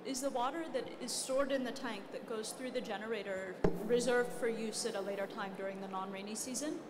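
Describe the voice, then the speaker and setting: Woman, slightly high voice, formal precise questions, noticeably noisy event recording. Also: brisk. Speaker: pitch competition questioner. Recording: clear background noise in event room.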